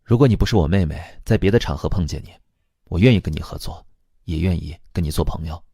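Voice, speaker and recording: Cold, frank older sister, read by a man, low and husky, matter-of-fact. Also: fast talker, mellow, no echo, studio quality. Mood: cool.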